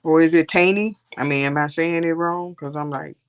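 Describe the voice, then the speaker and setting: A woman's voice: low voice, flat delivery, a little fast, smooth. A woman hosting a casual coloring livestream, rambling and chatting with her viewers. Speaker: livestream host.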